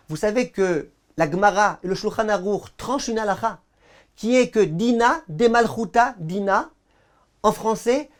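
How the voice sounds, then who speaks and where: Rabbin français qui argumente avec passion. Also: male voice, high voice. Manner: rhetorical questions, dramatic pauses, lively argumentative delivery; quoting imagined replies. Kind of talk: sermon.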